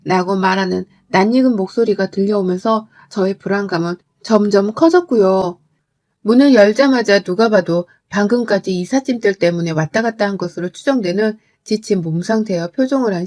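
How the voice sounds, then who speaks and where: A woman telling a first-person family story as scripted narration, in an even, reflective tone. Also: medium pitch, moderate pace.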